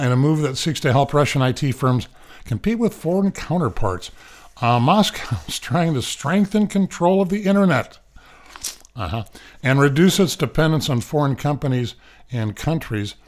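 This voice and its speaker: A man's voice: medium pitch, lively intonation, moderate pace. A man hosting a radio show, reading the news casually and breaking off into rambling, joking asides. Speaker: radio host. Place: radio studio.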